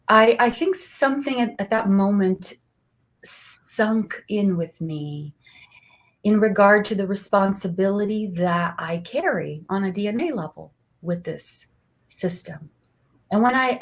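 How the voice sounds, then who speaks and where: A woman, an astrologer guest telling her story in an earnest, soft-spoken way. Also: medium pitch. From Brazil. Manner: soft-spoken, earnest, laughs often, frequent restarts. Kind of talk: warm personal interview storytelling.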